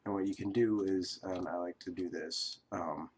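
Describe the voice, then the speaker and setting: A man who is sick and coughing, casually talking through a software tutorial at his computer, rambling and correcting himself with fillers. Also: deep voice, fairly even intonation, normal speed, a little hiss or hum. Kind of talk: casual screen-recorded tutorial.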